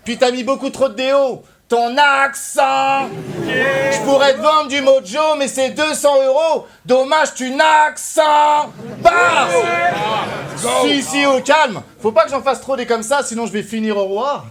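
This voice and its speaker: Very high-voiced mocking battle rapper. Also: male voice, steady tone, moderate pace, crowd noise. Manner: mocking, loud taunting delivery. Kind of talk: a cappella rap battle verses.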